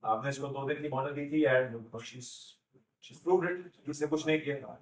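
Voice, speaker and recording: Guy acting as a chatty family man talking folks into a welcome party, sounds far off in a boomy room. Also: fairly even intonation, a little slow, reverberant, natural voice. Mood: coaxing. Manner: persuasive, mixes in English phrases. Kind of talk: TV serial drama scene.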